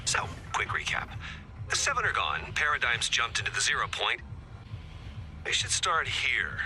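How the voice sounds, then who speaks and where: Over music, a man voices a wry male field agent who leads the mission with casual wisecracks in video game voice acting. His medium-pitched delivery is sing-song and moderately paced, and the game audio carries background noise.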